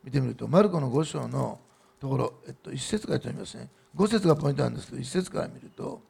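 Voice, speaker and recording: A man's voice: mid-range voice, animated, fast, creaky, darkish tone, husky. A middle-aged man giving a sermon as pastor at a church service, in a loose, conversational way with fillers and asides.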